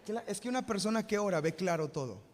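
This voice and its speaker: High-voiced Mexican pastor in a reverberant church. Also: male voice, expressive, fast talker. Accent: Mexican Spanish. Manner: asks the congregation questions and answers them himself. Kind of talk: live sermon. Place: church sanctuary. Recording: long reverb of a live church hall.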